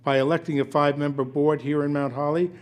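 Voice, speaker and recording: An elderly man with a hoarse, failing voice, reading a prepared statement at a town meeting in a formal but halting way, often correcting himself. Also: fairly high pitch, flat delivery. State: hoarse, losing his voice. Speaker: resident speaking at a town meeting. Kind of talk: prepared public statement read aloud.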